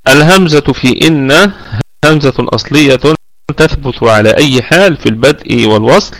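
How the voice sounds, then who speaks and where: A man with an Egyptian accent, teaching Quran recitation rules in an online lesson. He explains patiently, stretches out the words he demonstrates and fills pauses with drawn-out "aah" sounds. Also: mid-range voice, a bit bright, no room sound, rough recording. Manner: frequent drawn "aah" fillers between points.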